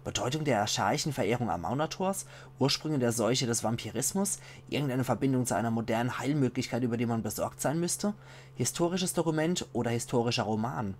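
A man with a Palatinate German accent, reading a game's book texts aloud in a measured voice and adding casual asides. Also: mid-range voice, a little hiss or hum. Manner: measured reading voice, slows for foreign titles. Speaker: let's play commentator.

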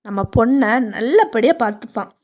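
A woman's voice: a little high, expressive, normal speed, darkish tone. A woman voicing a jovial middle-aged father who speaks in an easygoing, fatherly way. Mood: pleased.

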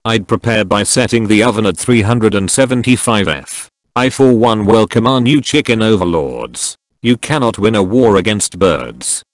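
Male narrator, low-pitched voice, dry close sound, reading posts aloud. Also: moderate pace, few pauses, no echo. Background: faint background music.

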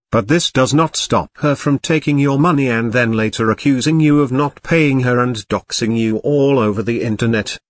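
A man narrating scripted commentary as host in a formal, deadpan way. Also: mid-range voice, no room sound, clean studio sound.

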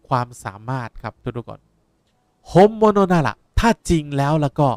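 A young man, a language teacher explaining words in a lively way while playing a game. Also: mid-range voice, normal speed, dry recording, clean studio sound. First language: Japanese. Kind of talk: game playthrough lesson.

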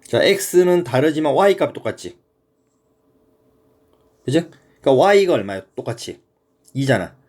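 A male math teacher explaining graphs in an easygoing, chatty manner. His voice sits a little high for a man and swings widely in pitch as he checks in with the student. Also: big pitch swings, slow, long pauses, a little mellow. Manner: casual, keeps checking in with the student. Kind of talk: informal math lesson.

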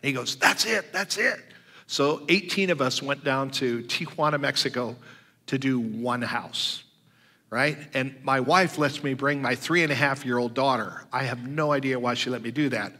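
An older man preaching a sermon, telling stories with lively acted-out dialogue and frequent fillers. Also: medium pitch, moderate pace, big-room sound. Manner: animated storyteller who acts out quoted dialogue. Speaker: guest preacher. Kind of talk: sermon storytelling.

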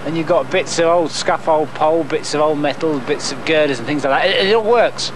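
A man reporting a news feature, narrating and interviewing with a lively, playful delivery. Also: a little high, a little fast, noisy background.

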